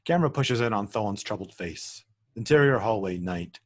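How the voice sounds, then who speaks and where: Narrating a script read-through, a man with a husky, fairly low voice reads stage directions matter-of-factly, now and then tripping on a word. He's animated and keeps a moderate pace.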